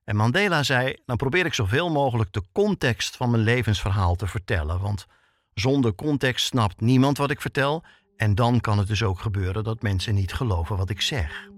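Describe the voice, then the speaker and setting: A man with a medium-pitched voice speaks at a normal speed, with no echo. He hosts and reports for a podcast, delivering scripted documentary narration told like a story and sprinkled with rhetorical questions.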